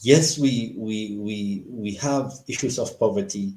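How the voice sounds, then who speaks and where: Slight background noise and a roomy echo surround an Ethiopian interview guest in middle age. At a measured pace, in a fairly low, darkish voice, he offers impassioned political views, frequently restarting sentences and asking rhetorical questions.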